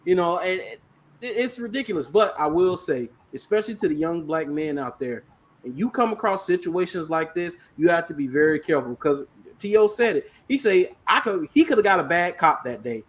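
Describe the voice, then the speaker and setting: A man hosting a sports podcast, talking in an animated way and laughing now and then. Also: fairly high pitch. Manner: animated, laughs, mimics voices for effect. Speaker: podcast host. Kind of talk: casual sports podcast commentary.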